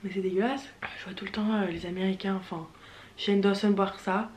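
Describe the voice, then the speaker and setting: A woman's voice: medium pitch, steady tone, fairly quick, a little mellow, slight background noise. A teenage girl from France talking casually to camera at home, chatty and slangy with playful asides. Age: teens. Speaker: YouTuber. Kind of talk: casual vlog talk to camera. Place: home, in front of a fireplace.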